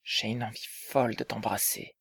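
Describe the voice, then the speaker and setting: A man voicing Riquet, an eager, affectionate young man in love, in a dramatized story reading, often hushed and conspiratorial. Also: medium pitch, moderate pace, creaky, close to an everyday voice.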